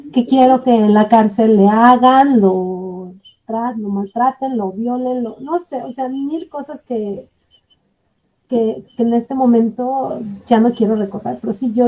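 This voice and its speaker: A woman's voice: on the high side, mellow, low-quality recording. A woman giving an earnest, reflective personal testimony, often repeating herself as she searches for words. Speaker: bereaved mother giving testimony.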